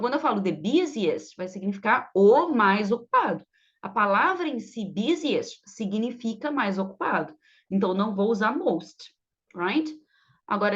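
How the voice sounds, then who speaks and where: A woman teaching English grammar, explaining rules patiently and reading example sentences slowly, with many fillers. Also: a little high, lo-fi sound.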